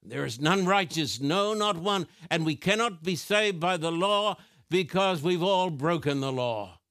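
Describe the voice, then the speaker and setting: A man preaching a sermon on television, his voice pitched a little high. He reads scripture in a slow, deliberate, emphatic way and addresses the viewers at home directly. The studio sound is dry and close. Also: animated, fairly bright tone, no echo.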